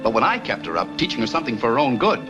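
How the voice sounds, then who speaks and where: A man's voice: medium pitch, very animated, very fast, music in the background, lightly acted. A man as a sarcastic, jealous mentor. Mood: wry. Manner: sarcastic, wry. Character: sardonic, jealous male film mentor.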